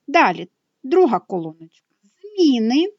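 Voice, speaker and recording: A woman's voice: sits high, sing-song, unhurried, a little mellow, no echo, muffled recording. A woman math teacher explaining a lesson patiently, step by step.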